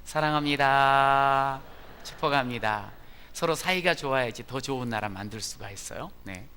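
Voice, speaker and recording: A male pastor giving a conversational Sunday sermon in a church, with frequent drawn-out "ah" fillers. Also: medium pitch, lively intonation, sharp tone, slight background noise. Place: church sanctuary.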